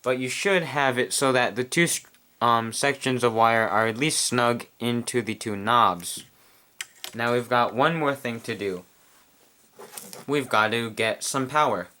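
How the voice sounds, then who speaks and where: Bright-voiced man demonstrating model trains. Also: mid-range voice, a little slow. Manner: relaxed, chewing gum while explaining. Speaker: model train hobbyist reviewer. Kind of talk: casual how-to demonstration. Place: quiet room at home with model track on a table.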